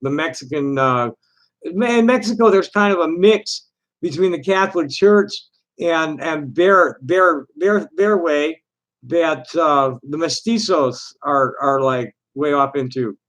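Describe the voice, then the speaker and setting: A man with a slightly high-pitched voice hosts a loose online discussion. He talks in a casual, rambling way, blunt and sweary, often halting as he searches for words. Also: fairly bright tone.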